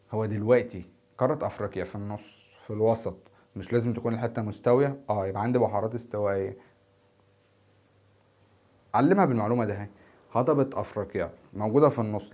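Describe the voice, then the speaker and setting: A man's voice: on the low side, a little mellow. A tired man teaching a geography lesson in Egyptian Arabic, repeating key terms and asking and answering his own questions. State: tired, filming at four in the morning. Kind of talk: exam-prep geography lesson. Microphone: standing before a camera.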